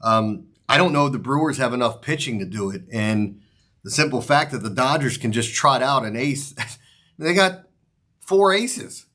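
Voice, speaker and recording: A man's voice: mid-range voice, normal speed, pushed and bright. Casual male sports host, slightly numb-mouthed. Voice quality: slightly off articulation, as from a numb mouth after the dentist. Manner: informal, rambling, mild swearing. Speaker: sports betting show host. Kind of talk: casual sports picks commentary, straight to viewers.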